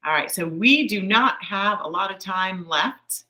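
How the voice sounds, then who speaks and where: Brief: woman workshop presenter, encouraging and chatty, bright tone, video call. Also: medium pitch, animated, a little slow, rough recording. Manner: chatty, encouraging, with light laughs.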